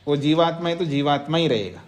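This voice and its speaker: A man's voice: on the high side, animated. A man teaching a scripture class, reciting Sanskrit verses and explaining them line by line, repeating phrases so students can write them down. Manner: slow, repeats phrases for dictation. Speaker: Vedanta teacher. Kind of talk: scripture lecture. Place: ashram class.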